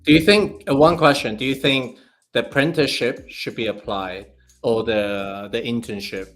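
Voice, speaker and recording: A man co-hosts a relaxed crypto chat and keeps stumbling through his thoughts with fillers and restarts. His voice sits at a middle pitch. Faint music plays underneath. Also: moderate pace. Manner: hesitant, restarts often, laughs easily. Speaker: co-host. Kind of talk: casual chat.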